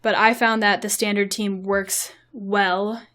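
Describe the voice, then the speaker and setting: A woman's voice: medium pitch, level tone, slow, fairly bright tone. A young woman giving casual gameplay commentary and advice, chatty with frequent fillers. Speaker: mobile game video creator.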